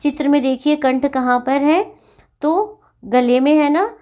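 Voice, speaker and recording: Lady teacher going through a lesson real slow, kinda high voice, patient, repeats stuff, muffled lo-fi sound. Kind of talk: classroom lesson explanation.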